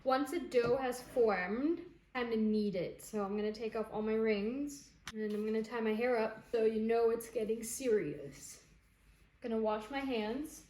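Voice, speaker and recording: A young woman talks through a home baking recipe in her kitchen, one step at a time, chatty and relaxed with explanations along the way. She speaks on the high side and unhurriedly, in a reverberant recording with slight background noise.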